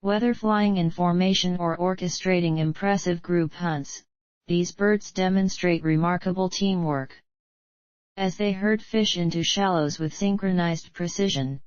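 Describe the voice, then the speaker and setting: A woman narrates in a nature documentary manner with a slightly low, clean, resonant voice. Her reading is polished and explanatory. The recording is dry and a touch muffled. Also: steady tone, measured pace, darkish tone, no echo.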